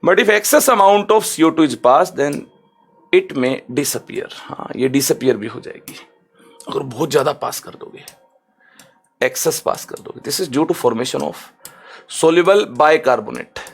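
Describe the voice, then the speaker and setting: His pitch is fairly high, with a creaky, breathy edge, as he delivers a lively, talkative online chemistry lecture. He frequently checks on his students and eases his pace for careful definitions in English.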